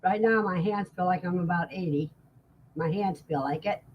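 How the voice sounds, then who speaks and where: A woman's voice: lowish voice, moderate pace, a little hiss or hum. A woman in her sixties hosting a casual livestream chat, folksy and talkative, reading out viewer comments and answering them. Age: 60s. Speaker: livestream host. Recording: dull lo-fi sound.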